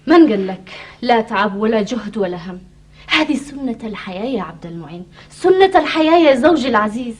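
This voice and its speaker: An actress playing a practical, gently scolding wife in a television drama, questioning and insistent, with a Yemeni accent. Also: female voice, a little high, sing-song, quick pace. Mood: reasoning.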